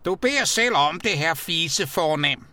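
Man doing a fat angry hotdog guy yelling threats, high and loud. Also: animated, no room sound. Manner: shouting, threatening. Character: fat, hot-tempered male hotdog vendor.

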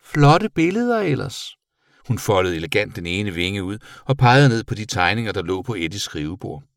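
A man reading a children's storybook aloud with an expressive delivery. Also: low voice, dry recording, studio quality. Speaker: narrator.

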